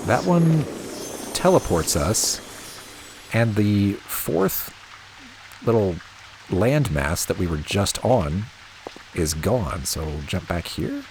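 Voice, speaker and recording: A let's play host with a very low voice comments casually on his gameplay, unhurried and wry, thinking aloud. His pitch swings widely as he reacts, with steady rain clearly audible behind him.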